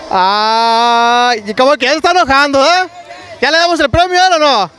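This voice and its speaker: A man's voice: very high voice, normal speed, pushed and bright, a little hiss or hum. A young man with a Mexican Spanish accent hosting a street game at an outdoor market on a handheld mic, teasing the couple and hyping the crowd with slang. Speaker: street prank show host. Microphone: handheld microphone.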